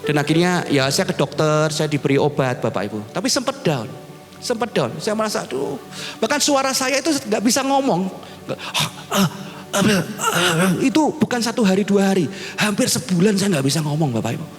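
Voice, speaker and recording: A male pastor preaching a sermon to his congregation, animated and addressing them directly. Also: sits high, brisk. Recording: reverberant hall with music behind.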